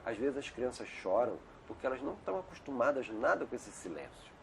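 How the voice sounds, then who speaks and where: A man's voice: medium pitch, sing-song, a little fast, creaky, a little hiss or hum. A middle-aged male doctor talking as an interview guest in a casual, digressive way, often tagging "né?". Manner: chatty, digressive, frequent "né?" tags. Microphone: video call.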